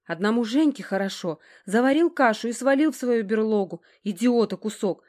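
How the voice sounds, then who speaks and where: A woman's voice: a little high, animated, moderate pace, pitched above the performer's own voice, lightly acted. A woman voicing a tearful, hysterical young woman who whines and snaps. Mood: indignant. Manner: whiny, sharp and emotional.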